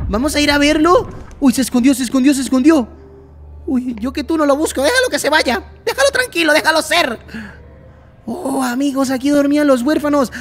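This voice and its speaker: A man giving excited let's-play commentary, chatting to viewers as friends and yelping at scares. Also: very high voice. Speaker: gaming YouTuber.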